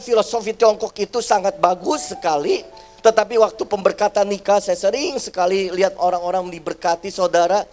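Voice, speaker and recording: Male pastor, high voice, preaching a lively sermon, faint music underneath. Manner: addresses the congregation as "saudara" often, acts out quoted family voices. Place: church service.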